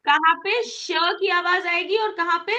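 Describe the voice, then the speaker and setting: A woman teaching an online English phonics class, patient and encouraging, repeating each sound slowly for her students. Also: extremely high pitch, pushed and bright.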